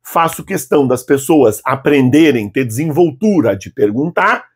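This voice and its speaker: A man in his fifties with a Brazilian Portuguese accent, teaching a video language lesson and patiently saying model phrases slowly for students to repeat aloud. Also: mid-range voice, lively intonation, breathy edge. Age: 50s. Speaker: Arabic teacher.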